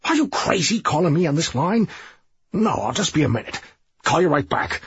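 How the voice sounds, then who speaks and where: A man's voice: a little high, big pitch swings, fairly bright tone, slightly rough, dry recording, muffled recording, voice pushed up, full character voice. A man doing a bossy corrupt police sergeant. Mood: impatient. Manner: brisk, bossy, dismissive. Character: scheming corrupt middle-aged male police sergeant.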